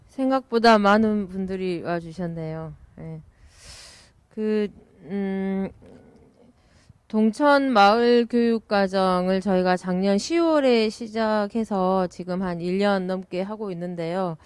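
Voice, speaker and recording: Smooth-voiced woman giving a reflective talk. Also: mid-range voice, takes it slowly, no echo. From South Korea. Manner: warm and reflective, with many "uh" fillers. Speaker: village education researcher. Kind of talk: speech at a closing event.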